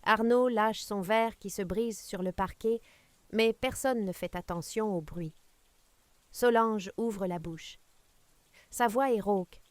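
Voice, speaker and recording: A woman's voice: mid-range voice, slow pace, no echo. A woman narrating a scripted dramatic story with suspenseful pacing.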